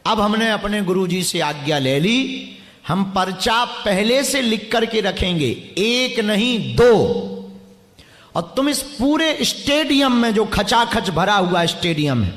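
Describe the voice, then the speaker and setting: A man's voice: sits high, fairly bright tone. A man as a religious preacher addressing a packed stadium crowd and teasing audience members. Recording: echoey stadium sound.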